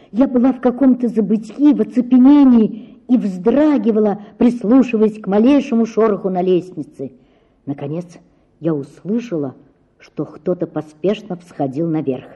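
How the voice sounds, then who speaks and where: Expressive woman reading a novel aloud. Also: mid-range voice, breathy edge, dull audio. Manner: expressive, emotional storytelling. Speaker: audiobook narrator. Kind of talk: literary audiobook narration.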